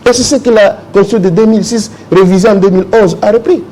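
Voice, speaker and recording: A man from the Democratic Republic of the Congo, appearing as a jurist guest on a morning interview, explains legal texts and reads articles aloud to the host. His voice is high and a little mellow, and he talks at a quick pace.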